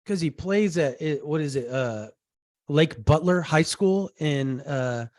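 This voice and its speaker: A man with a sinus infection, congested and talking through a cough drop, chatting excitably as a sports podcast co-host. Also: a little high, slow, dry recording, studio quality. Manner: rambling, excitable, many fillers. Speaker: co-host, recruiting reporter. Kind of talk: casual sports podcast chat.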